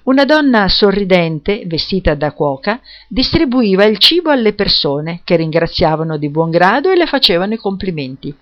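Brief: female storyteller, measured reading, muffled lo-fi audio. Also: medium pitch, sing-song. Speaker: narrator. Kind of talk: scripted story narration.

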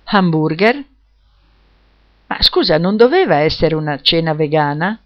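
A woman's voice: low-pitched, big pitch swings, unhurried, dull audio. A woman voicing a curious young man who is doubtful and questioning. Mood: surprised.

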